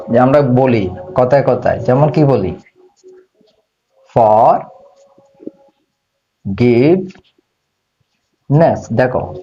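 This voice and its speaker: In this grammar lesson, a man's mid-range, dark voice comes through slightly dull lo-fi audio with slight background noise. He answers his own questions and slows to spell out English words.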